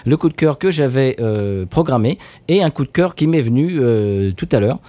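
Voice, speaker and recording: A man's voice: mid-range voice, lively intonation, moderate pace, mellow, no echo. A man hosting a podcast, chatting casually to listeners with many hesitations and a playful tone. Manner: hesitant with frequent "euh", playful. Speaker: podcast host.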